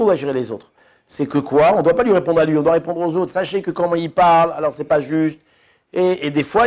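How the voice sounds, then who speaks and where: A man's voice: high-pitched, darkish tone. A man giving an informal religious lesson as a rabbi, who speaks in a chatty way and keeps asking his listeners questions. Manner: chatty, asks listeners questions, lots of restarts. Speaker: rabbi teaching a class.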